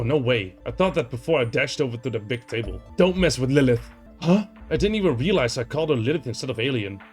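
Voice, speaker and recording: A young man playing an indie horror visual novel, reading its text aloud and reacting in an animated way, swearing and saying "like" a lot. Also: medium pitch. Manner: animated, swears, heavy use of "like".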